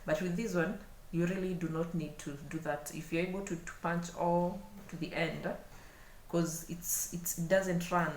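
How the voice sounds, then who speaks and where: A woman with a Kenyan accent giving an unscripted hands-on craft demonstration, speaking haltingly and repeating words as she works. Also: on the low side, fairly even intonation. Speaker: craft tutorial host. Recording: echoey room, clear background noise.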